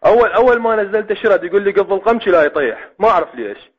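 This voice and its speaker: A man with an Iraqi Arabic accent and a husky voice talking over the phone as a prank caller, stammering and repeating himself with mock-earnest questions. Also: high voice, animated, very fast. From Iraq. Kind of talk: phone call, speaking over the phone. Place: on a phone line. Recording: dull lo-fi phone call.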